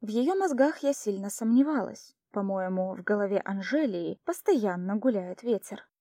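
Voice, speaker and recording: A woman narrating an audiobook with steady storytelling reading. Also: medium pitch, normal speed, dry recording, studio quality. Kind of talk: scripted narration.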